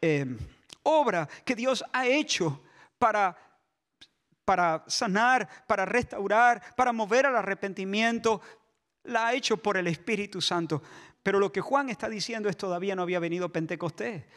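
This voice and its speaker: A man from Spain, preaching a sermon in a church, impassioned, shifting between shouts and soft asides. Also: sits high, moderate pace. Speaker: pastor.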